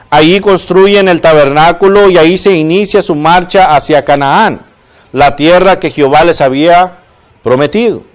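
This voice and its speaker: Man, high voice, church sermon, questioning the congregation. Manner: asks the congregation questions, repeats "¿verdad?". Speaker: preacher.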